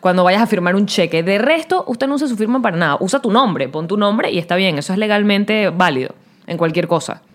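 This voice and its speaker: Podcast co-host: a Venezuelan woman in her thirties, rapid-fire, brash and animated. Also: mid-range voice. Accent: Venezuelan Spanish. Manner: brash and animated, swears freely. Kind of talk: casual chat.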